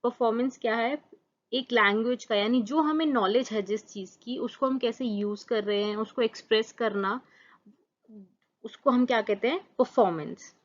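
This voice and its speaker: Speaking at normal speed in a fairly high voice, a channel host and teacher whose first language is Hindi lectures in Hindi on exam topics. She reads the English definitions slowly, poses rhetorical questions and goes over each point again. The sound is dull and lo-fi.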